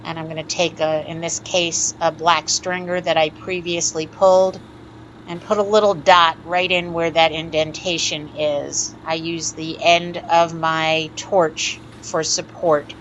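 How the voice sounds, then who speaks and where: A woman teaching a step-by-step glass sculpting lesson, explaining each move in a calm, methodical way. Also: sits low, a little slow, dull audio, slight background noise. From United States. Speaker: glass artist teaching a lampworking demo. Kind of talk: step-by-step tutorial narration.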